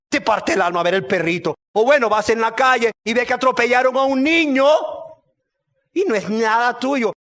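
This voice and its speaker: Animated high-voiced male preacher. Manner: animated, rhetorical questions, swings from loud to hushed. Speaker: pastor. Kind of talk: sermon.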